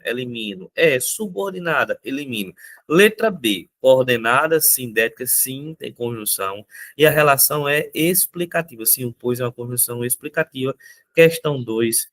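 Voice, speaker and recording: Energetic male teacher. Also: medium pitch. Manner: energetic, repeats key points, asks viewers questions. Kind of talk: exam-prep lesson.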